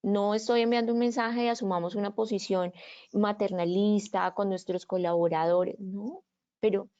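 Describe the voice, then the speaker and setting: A woman's voice: medium pitch, steady tone, normal speed, warm tone. A woman giving a virtual conference talk on leadership, often checking in with her listeners and acting out quoted phrases. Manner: asks frequent "¿sí?" checks, acts out quoted phrases. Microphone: video call. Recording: dull lo-fi online call audio.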